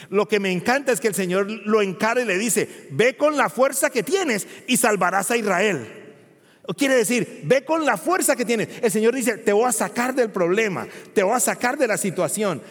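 A male pastor preaching emphatically, asking rhetorical questions and rising to loud peaks. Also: high-pitched. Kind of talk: sermon. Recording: long hall reverb.

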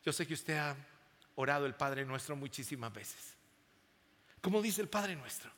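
A man's voice: a little high, lively intonation, moderate pace, a bit bright. A man preaching a sermon to a congregation, emphatic and full of questions to the crowd. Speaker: pastor. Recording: long hall reverb.

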